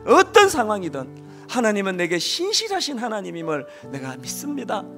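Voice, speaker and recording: A male pastor preaching a sermon in a church, swinging from loud pleading to soft, slow confession, with soft music behind. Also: sits high, wildly swooping pitch. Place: church sanctuary.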